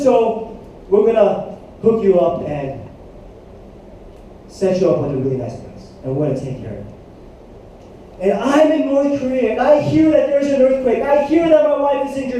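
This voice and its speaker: A man in his thirties, a youth pastor preaching a sermon with animated storytelling and questions to the room. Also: extremely high pitch, slight background noise. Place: church hall. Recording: echoey hall, mic at a distance.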